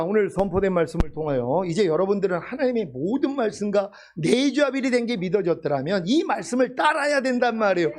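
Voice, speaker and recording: A man with a high-pitched voice delivers a sermon as a pastor. He speaks emphatically and keeps pressing his listeners with rhetorical questions.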